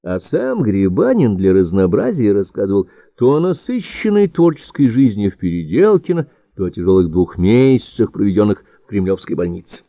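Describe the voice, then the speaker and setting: Expressive low-voiced male audiobook narrator. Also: no echo. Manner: measured, expressive storytelling. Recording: dry, dull-sounding audiobook recording.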